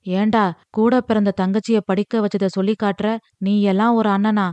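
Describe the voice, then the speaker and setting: A woman's voice: mid-range voice, level tone, normal speed, dark tone, no echo, muffled recording, close to an everyday voice. A woman voicing an older widowed mother who scolds her son in a wounded, reproachful way. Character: older widowed mother demanding lavish gifts.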